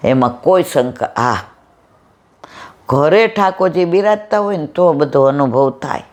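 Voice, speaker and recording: A satsang speaker, telling devotional stories and repeating phrases that trail off low and soft. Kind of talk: devotional storytelling talk.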